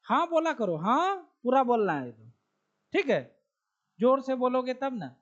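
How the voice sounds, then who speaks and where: A man with a Bihari Hindi accent, very high for a man, gives a slow, unhurried biology lecture. He quizzes the class and answers his own questions. The recording is dull and lo-fi. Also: very animated. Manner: asks the class questions and answers them himself; slow, repeats key terms while writing on the board. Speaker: biology teacher.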